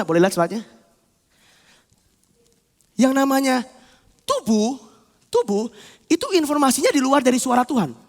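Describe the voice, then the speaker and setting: A man preaching a sermon as bishop in a church, animated and acting out inner dialogues. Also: very high-pitched. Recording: long church hall reverb.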